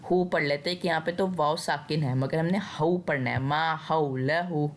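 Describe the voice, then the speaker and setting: A woman's voice: deep voice, a little fast. A woman with a Pakistani Urdu accent teaching Quran recitation rules patiently, step by step. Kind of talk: tajweed lesson with recitation.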